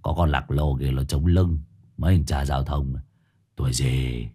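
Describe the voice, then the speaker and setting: A man voicing a drunk, cheeky young male disciple with a low, muttering drawl. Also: unhurried, mellow, breathy edge, full character voice. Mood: drunk boastful.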